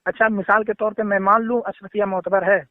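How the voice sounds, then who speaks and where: A man's voice: high-pitched, little pitch movement, fairly quick, dry recording. A man calling in to a heated phone debate, arguing and talking over his opponent. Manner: argumentative, talks over the other side. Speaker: caller. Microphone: phone call. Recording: tinny phone line.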